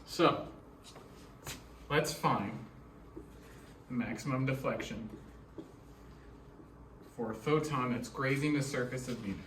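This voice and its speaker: A young man with a medium-pitched voice speaks as a physics student working through a problem. He is recorded at some distance in a reverberant room with clear background noise. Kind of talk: student skit and worked physics example.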